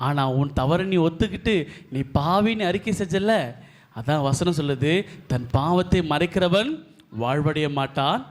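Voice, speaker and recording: A man voicing Jesus in a church puppet show, speaking slowly and gravely like a preacher. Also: high-pitched, pitched below the performer's own voice. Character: Jesus, calm solemn male voice from offstage.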